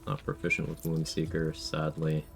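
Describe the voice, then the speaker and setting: Very deep-voiced man commentating a game. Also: monotone, moderate pace, gravelly, slight background noise. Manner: matter-of-fact, thinking aloud. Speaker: gaming streamer. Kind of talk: casual gameplay commentary.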